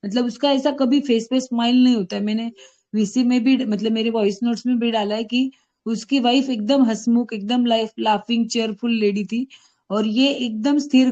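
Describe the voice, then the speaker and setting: A homeopathic doctor from Maharashtra, India, presents a patient case in an online discussion, thoughtfully explaining her reasoning and correcting herself along the way. Her voice is a little high and mellow, and the sound is lo-fi.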